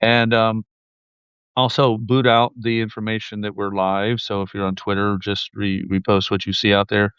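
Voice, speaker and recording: Low smooth-voiced male host. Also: little pitch movement, normal speed, a bit bright, no echo. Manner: friendly, addresses viewers directly. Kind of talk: live show hosting. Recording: slightly dull lo-fi sound.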